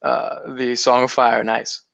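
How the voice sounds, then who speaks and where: Gravelly joking man on a dull, dry recording. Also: medium pitch, flat delivery, a little slow, a bit bright, no room sound. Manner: joking, mocking, slips into silly put-on voices. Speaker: podcast co-host. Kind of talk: casual chat.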